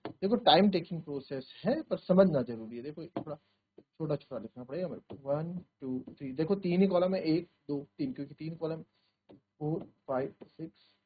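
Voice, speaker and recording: Hindi maths teacher over a thin line. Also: male voice, fairly high pitch, normal speed, phone-quality sound, a little hiss or hum. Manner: explains step by step, counts aloud, asks checking questions; voices students' doubts himself and answers them. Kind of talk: classroom lecture mixing Hindi and English. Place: virtual classroom studio.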